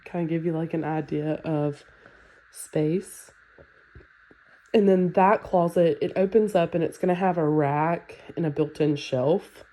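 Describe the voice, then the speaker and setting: This woman's low, stuffy voice, nasal from a sinus infection, moves at a measured pace as she tours a house as a real estate agent. She keeps the walkthrough relaxed and chatty, full of fillers such as "um" and "like."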